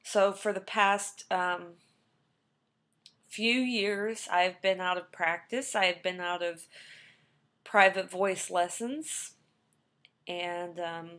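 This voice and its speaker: Slow, with long pauses, this young woman's voice sits on the low side yet has a fairly bright tone. A trained singer, she rambles casually to a webcam about her background, often saying um and starting over.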